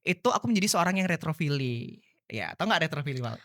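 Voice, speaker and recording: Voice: mid-range voice, very animated, fast talker, a bit bright, no echo, clean studio sound. A young university student, a guest on a casual podcast, who talks in a chatty way and fills sentences with small fillers. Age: young adult. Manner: chatty, many fillers like "gitu" and "kayak".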